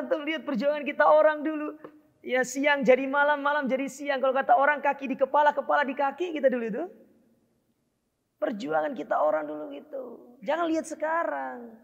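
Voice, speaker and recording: Gravelly preacher in a hall. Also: male voice, very high voice. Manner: joking, conversational teaching with Arabic terms. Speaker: Islamic preacher. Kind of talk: religious study lecture. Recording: dull, reverberant hall recording.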